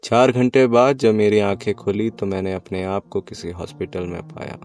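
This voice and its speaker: A man's voice: fairly low pitch, steady tone, moderate pace, darkish tone. A young man narrating a first-person love story in a wistful, reflective way.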